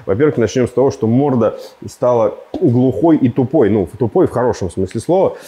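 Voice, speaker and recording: A man's voice: mid-range voice, a little fast. A man in his thirties reviewing a car in a casual, joking, rambling way, recorded in a large indoor showroom on a lapel mic. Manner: joking, rambling, animated with gestures.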